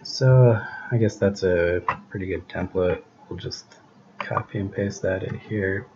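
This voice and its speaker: A deep-voiced man talks through his code in an unhurried, thinking-aloud way, his voice slightly worn. The recording is muffled and lo-fi, with a clear hiss running underneath. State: losing his voice. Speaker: programming tutor. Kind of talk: casual screencast explanation. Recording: dull lo-fi recording with background hiss.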